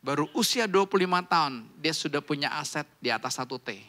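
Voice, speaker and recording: A middle-aged man preaching a sermon in a church, chatty and animated, often asking the congregation questions. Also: on the high side, brisk. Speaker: pastor. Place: church sanctuary.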